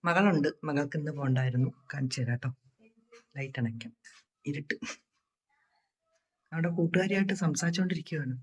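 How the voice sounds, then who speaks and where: A middle-aged woman with a hoarse, sore throat, chatting casually in a home vlog and calling out to her daughter. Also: low-pitched, a little fast, long pauses. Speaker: home vlogger. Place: home, indoors.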